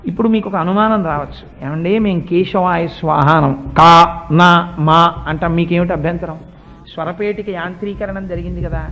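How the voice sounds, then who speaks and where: Man, middle-aged, high-pitched, devotional discourse, explanatory, slow chanted mantras. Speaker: religious speaker.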